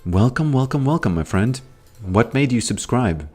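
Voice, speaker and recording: Soft background music accompanies a man from Latvia whose medium-pitched voice is expressive, a little mellow and moderately paced. During a casual gaming livestream he rambles, muses while playing and says hello to chat.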